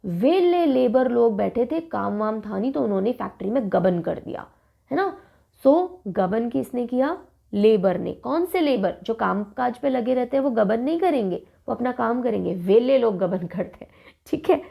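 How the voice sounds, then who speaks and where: A woman's voice: fairly high pitch, expressive, moderate pace, creaky, dark tone. A woman teacher who explains capitals with playful, silly memory stories and switches between two languages. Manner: playful, uses silly stories and acted lines; mixes English and Hindi. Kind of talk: mnemonic lesson on country capitals.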